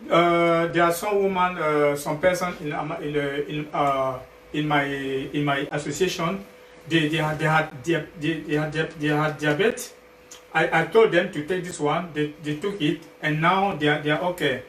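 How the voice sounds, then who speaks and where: A man from Cameroon with a Cameroonian accent presents products informally, in a halting way that repeats and rephrases as he goes. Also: fairly high pitch, steady tone, a bit bright. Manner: halting, repetitive, rephrasing phrases several times. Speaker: health product sales partner, guest presenter. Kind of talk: informal livestream product pitch. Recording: echoey, noisy, distant livestream mic.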